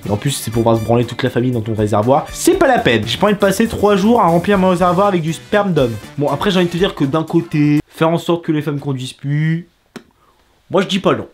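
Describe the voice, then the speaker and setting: A man from France with a French accent, hosting a reaction video in crude, excitable, joking commentary. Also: on the high side, quick pace, hardly any pauses, faint music behind. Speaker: YouTube host.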